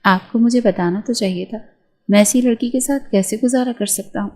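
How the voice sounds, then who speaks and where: A woman's voice: a little high, darkish tone, close to an everyday voice. A woman voicing a frustrated young husband, speaking in an exasperated, pressing way in an audio storybook.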